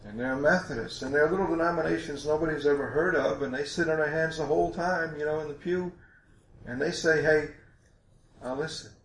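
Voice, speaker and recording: Man, congested, preacher, folksy rambling sermon, fairly high voice, roomy echo. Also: fast talker, a bit bright, a little hiss or hum.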